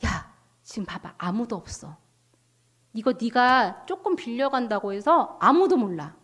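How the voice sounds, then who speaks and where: A woman voicing a sly devil who murmurs temptations in a low, coaxing tone. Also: very animated, unhurried, a bit bright, exaggerated voice.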